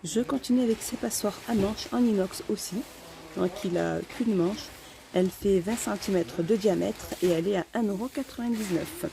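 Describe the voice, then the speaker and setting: A gravelly, medium-pitched woman talks at a normal speed through a face mask that muffles her voice. As a shopping vlogger, she gives a casual tour inside a store, commenting on items one by one in an informal, slightly hesitant way.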